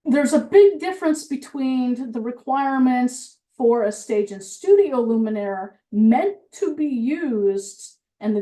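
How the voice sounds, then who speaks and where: A woman's voice: a little high, warm tone. A woman compliance engineer giving a methodical technical presentation, explaining with frequent fillers, and she has the hiccups.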